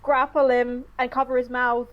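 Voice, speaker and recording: A woman's voice: sits high, level tone, moderate pace, dull audio. A woman chatting casually as a player in a tabletop role-playing game, talking through her moves.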